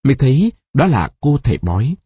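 Casting: expressive audiobook narrator, lively pitch, dry close sound. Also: brisk, slightly rough, no room sound, lo-fi sound. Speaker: storyteller. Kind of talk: audiobook reading of a novel.

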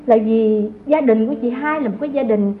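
An actress playing a humble, long-suffering young mother and servant who speaks meekly and pleads softly, in an old radio drama. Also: on the high side, fairly quick, slight background noise, lightly acted. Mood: tender. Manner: meek and pleading, tender with the child. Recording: tinny, phone-like old recording with music.

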